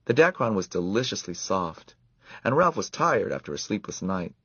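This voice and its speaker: A man with a lower-pitched voice reads a children's story, his pitch moving widely as he narrates. His tone is slightly husky. The recording is dull and lo-fi, close and dry. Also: moderate pace, dry recording. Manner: expressive, animated narration.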